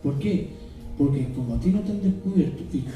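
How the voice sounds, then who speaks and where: A man preaches in a high yet very dark, mellow voice, pausing and restarting as he reads and explains scripture. He is picked up from far off in a very echoey church hall. Soft music plays faintly behind him. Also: lively intonation. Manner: earnest, halting, with many restarts. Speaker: evangelist preacher. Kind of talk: sermon with scripture reading.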